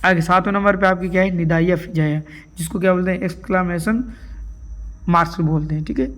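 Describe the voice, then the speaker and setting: A man's voice: sits high, fairly even intonation, quick pace, a bit bright. A man teaching a grammar lesson for an exam, asking questions and answering them himself while writing on a board. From India.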